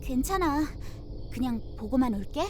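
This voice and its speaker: Woman acting a high, animated young woman. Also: normal speed, background noise. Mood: reassuring. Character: responsible young woman, caring older sister and granddaughter. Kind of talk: audio drama acting.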